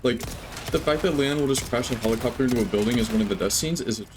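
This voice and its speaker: A man's voice: mid-range voice, racing, noisy background. A young adult man streaming a game, rambling, joking and swearing as he chats with viewers. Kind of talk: live gameplay commentary.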